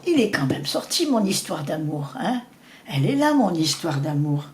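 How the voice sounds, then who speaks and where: Woman reading tarot quick n rambly, echoey room, bit of hiss. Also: lowish voice, sing-song, darkish tone. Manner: fast, rambling with many restarts. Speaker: tarot reader. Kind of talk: casual tarot reading to camera. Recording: echoey room with faint noise.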